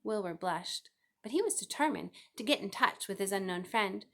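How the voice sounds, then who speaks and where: A woman's voice: medium pitch, animated, moderate pace, gravelly, a bit bright. A woman reading a children's novel aloud as scripted narration. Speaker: storybook reader.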